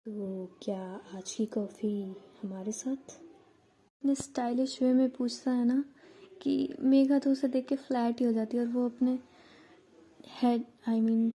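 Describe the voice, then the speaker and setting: A woman narrating a romance story in a chatty, expressive way, now and then correcting herself. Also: on the high side, vocal fry.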